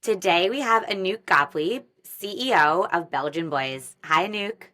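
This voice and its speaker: A woman's voice: on the low side, expressive, a little slow, pushed and bright. A woman hosting a marketing interview podcast, asking long, rambling questions full of "you know". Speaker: podcast host. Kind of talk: casual interview chat.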